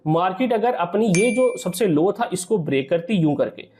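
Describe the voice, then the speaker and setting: A man's voice: sits high, expressive, normal speed, a little mellow, a little hiss or hum. A man, explaining a trading strategy over a screen recording, often checking in with "theek hai" and calling viewers "sir". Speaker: trading teacher.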